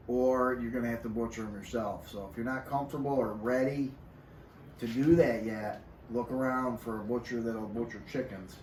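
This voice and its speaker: A man's voice: medium pitch, darkish tone, distant mic. A middle-aged man co-hosting a homestead channel, giving easygoing advice in a casual chat over dinner. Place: home dining room. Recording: roomy, from the mic, faint hiss.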